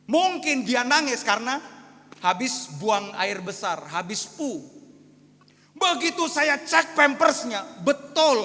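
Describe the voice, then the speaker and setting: Male pastor, sermon, very high voice, long church-hall echo. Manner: storytelling, addresses congregation as Pak and saudara; swings from hushed to loud, fervent.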